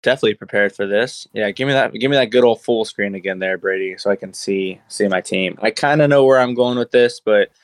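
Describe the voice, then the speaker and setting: A man's voice: on the low side, brisk, few pauses, dry recording. A man co-hosting a podcast in casual chat, playful and laughing often. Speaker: podcast co-host.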